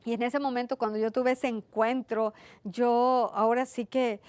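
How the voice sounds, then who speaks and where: A woman's voice: on the high side, fairly even intonation, moderate pace, darkish tone, clear, resonant tone, no echo. A woman preaching a sermon in an earnest, repetitive way, asking questions and answering them herself.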